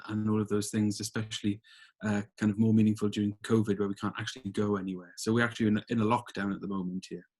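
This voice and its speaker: A man's voice: on the low side, darkish tone. A man talking casually as an artist and guest on an online panel. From Wales. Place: studio, on a video call.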